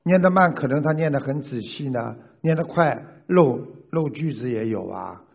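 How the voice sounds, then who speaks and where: A man with a rough, gravelly and breathy voice answers questions as a spiritual teacher. He lectures emphatically, tossing in rhetorical questions and laughs. The sound is thin and phone-like. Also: mid-range voice, lively intonation, normal speed.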